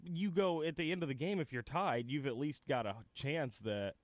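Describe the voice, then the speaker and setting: A man's voice: fairly high pitch, normal speed, dry recording, studio quality. A man with an American Midwest accent co-hosting a sports radio show. He chats easily and laughs along with his partner. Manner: laughs easily, talks in long, searching sentences. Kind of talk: casual sports talk radio banter.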